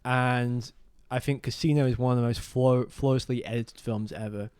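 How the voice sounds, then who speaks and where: A man's voice: medium pitch, steady tone, normal speed, a little mellow, clear, resonant tone, no echo, studio quality. A young man co-hosting a casual podcast, talking earnestly and opinionated with frequent restarts. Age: young adult. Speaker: podcast co-host. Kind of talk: casual chat.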